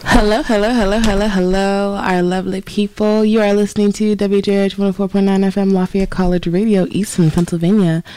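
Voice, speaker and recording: About twenty and speaking with a southern accent, a woman co-hosts a college radio show through a studio microphone, chatty and giggly with loose slang. Her mid-range voice is warm and fairly flat in pitch, coming a little fast with hardly any pauses, over slight background noise.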